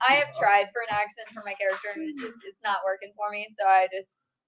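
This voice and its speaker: A woman's voice: mid-range voice, fairly even intonation, quick pace, very noisy. A woman playing a tabletop game, chatting playfully and teasing her friends. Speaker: player. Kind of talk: casual chat at a tabletop game. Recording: dull sound with chatter behind.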